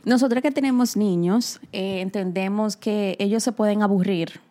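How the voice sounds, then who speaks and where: A woman from the Dominican Republic co-hosts a casual chat, offering listeners practical advice and addressing them directly as "señores." Her voice is medium-pitched, steady, and warm, at a normal speed.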